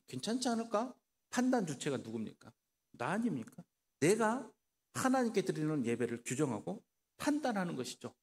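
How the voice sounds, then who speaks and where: Animated male pastor in an echoing church. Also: high-pitched. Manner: rhetorical questions to the congregation, acts out quoted voices. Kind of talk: sermon. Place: church sanctuary. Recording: reverberant church hall.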